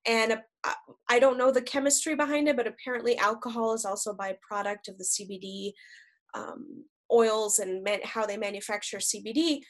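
A woman hosting a casual interview chat, her voice sitting a little on the high side. She talks in a friendly, rambling way, often repeating and restarting her words before landing on a question. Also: steady tone, a little fast. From United States. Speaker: podcast host.

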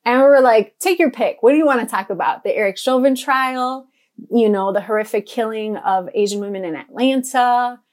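A woman's voice: a little high, moderate pace. Earnest woman from Guatemala. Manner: earnest, flowing speech with fillers. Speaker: podcast guest. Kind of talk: casual podcast conversation.

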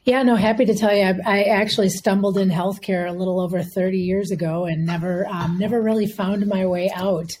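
A woman's voice: medium pitch, fairly even intonation, a little fast, few pauses, darkish tone, a little hiss or hum. A woman in her fifties with a Minnesota accent, a healthcare executive answering podcast interview questions conversationally, with frequent restarts and fillers.

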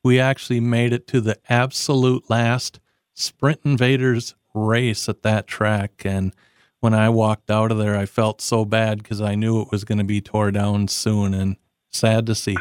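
Low-voiced man hosting a show. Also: flat delivery, a little slow, clean tone, no echo, studio quality. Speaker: radio show host. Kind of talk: show introduction and interview.

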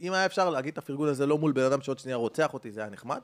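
A man, a comedian, telling a comic story in casual chat and acting out the people in it. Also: medium pitch. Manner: animated, acts out the people in his story. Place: rooftop.

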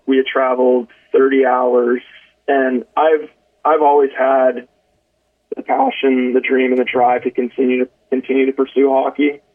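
Gravelly young man on a phone line. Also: mid-range voice, moderate pace. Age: 20s. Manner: relaxed, frequent "um" and restarts. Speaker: guest, college hockey player. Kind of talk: casual podcast storytelling. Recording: phone-like narrow band.

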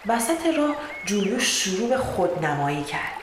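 A woman storyteller reading a children's tale in calm, measured narration. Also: medium pitch. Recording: roomy echo with background noise.

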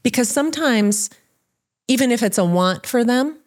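A woman's voice: a little high, animated, moderate pace. A woman hosting a casual podcast discussion, talking in a reflective way and asking the others questions.

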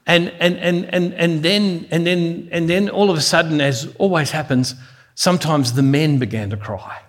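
A man's voice: fairly high pitch, moderate pace. Earnest man preaching a devotional sermon. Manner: earnest, repeats words as he builds a point. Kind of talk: devotional sermon with personal storytelling.

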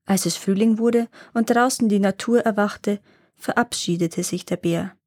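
Calm woman reading a fairy tale. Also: medium pitch, no room sound, clean studio sound. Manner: calm, measured storybook narration. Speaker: storyteller.

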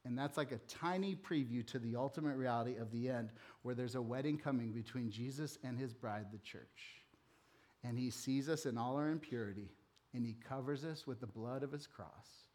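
A male pastor preaching a sermon in a church, talking casually and then building higher and louder when stirred, and slowing right down to read scripture. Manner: reads scripture slowly and deliberately.

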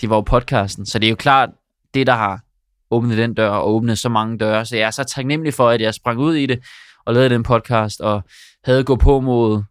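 A young man in his twenties recounts his path in a relaxed, chatty interview, stopping on fillers and restarting his sentences. His voice is smooth and clear, sitting at an ordinary pitch, and it is recorded dry and close with no room sound. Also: no echo. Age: 20s. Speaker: podcaster and sports commentator.

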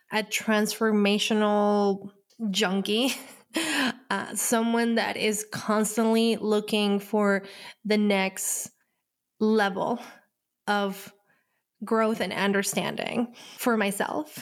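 A woman in her thirties from Colombia, hosting a podcast and telling her personal story in an unhurried, reflective way with light laughs between phrases. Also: mid-range voice. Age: 30s. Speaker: podcast host.

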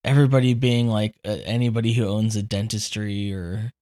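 A woman in her thirties co-hosting a casual podcast, laughing often and reacting with animated outrage. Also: very deep voice. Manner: giggly, animated, quick to laugh. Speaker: podcast co-host.

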